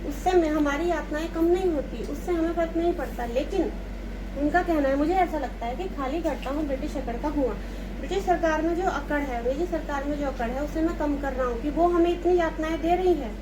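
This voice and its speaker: Female teacher, high voice, explains poetry line by line; home recording with steady background noise. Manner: reads verse lines slowly, then explains in plain talk. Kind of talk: explaining a Hindi poem to students.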